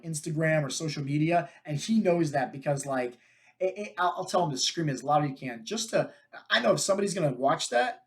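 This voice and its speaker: A man hosting a fitness coaching podcast, telling stories in an energetic, casual way and often checking in with "right?". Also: fairly high pitch. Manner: energetic, talks to listeners with frequent "right?" and "like" fillers. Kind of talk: casual storytelling monologue.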